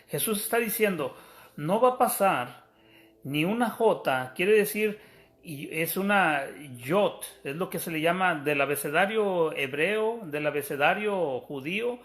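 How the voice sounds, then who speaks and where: A man's voice: on the high side, expressive, moderate pace, a bit bright. A man preaching a sermon, explaining scripture step by step, calling his listeners brothers and often restarting his sentences.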